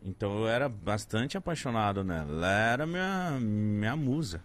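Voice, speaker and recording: Animated man telling a story, lively pitch. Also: moderate pace. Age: 30s. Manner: animated storyteller, swears a lot, acts out quoted lines. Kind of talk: casual chat.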